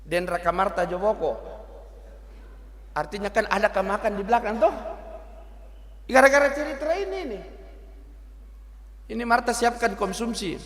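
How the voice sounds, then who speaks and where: A middle-aged male pastor preaches in a high voice. He is lively and teasing, and mixes local words into his sermon. The sound carries a long church reverb. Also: moderate pace, long pauses.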